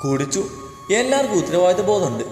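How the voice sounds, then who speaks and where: A man's voice: high voice, sing-song, fast. A man voicing a nagging, scolding mother. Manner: sharp, nagging. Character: scolding middle-aged mother. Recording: echoey reverberant room with music.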